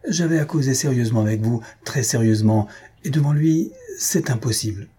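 A man's voice: medium pitch, fairly quick, warm tone, husky, close to an everyday voice. A man voicing an anxious young nephew who pleads hesitantly with his aunt, in a storybook reading. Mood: pleading.

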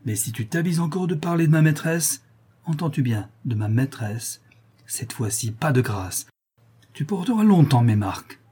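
A man's voice: a little high, sing-song, moderate pace, warm tone, breathy edge, pitched above the performer's own voice. A man voicing a strong young man who holds back his anger and warns firmly, reading a novel aloud. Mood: stern anger. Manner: firm, controlled warnings.

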